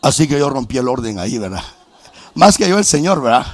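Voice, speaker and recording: A middle-aged man from preaching a sermon as a pastor, telling his own story with quoted dialogue and bursts of shouting. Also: mid-range voice, very animated, fairly quick, no room sound. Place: church sanctuary.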